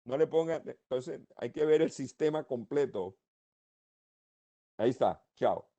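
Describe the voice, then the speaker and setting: A man from Colombia speaking, giving his views as a panelist in a seminar discussion in an animated, rambling way. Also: mid-range voice, a little slow. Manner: animated, rambling, laughs between points.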